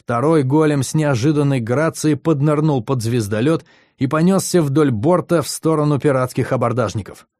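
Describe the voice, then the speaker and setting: Audiobook narrator, man, steady and measured, mid voice, dry recording. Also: medium pitch, dry recording. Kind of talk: scripted narration.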